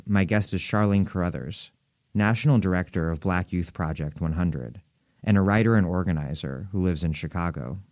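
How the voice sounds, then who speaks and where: Deep-voiced man hosting a podcast, dry sound. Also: a little mellow, dry recording. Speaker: podcast host. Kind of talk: scripted podcast introduction.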